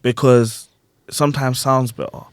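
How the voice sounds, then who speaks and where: A man's voice: mid-range voice, measured pace, no echo. Slangy man hosting a podcast. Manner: animated, slangy, repeats "you get what I'm saying". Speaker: podcast host and grime MC. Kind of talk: casual chat.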